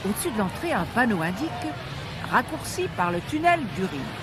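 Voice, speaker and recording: A woman reading a children's story aloud, lively and voicing the characters with big jumps in pitch. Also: brisk. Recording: story read over loud background music.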